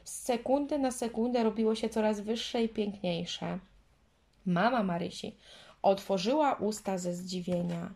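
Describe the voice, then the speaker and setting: Gentle woman reading a children's story. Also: mid-range voice, a little slow, vocal fry.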